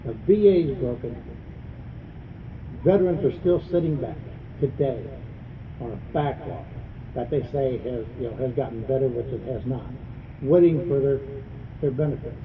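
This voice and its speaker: A man delivers a political stump speech in a medium-pitched voice. He is adamant and plain-spoken, hammering points home through repetition. The microphone sits at a distance, with clear vehicle noise around him. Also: moderate pace, pauses often, phone-quality sound. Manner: adamant, plain-spoken, repeating phrases for emphasis. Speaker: congressional candidate and veterans advocate. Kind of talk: campaign speech at a news conference.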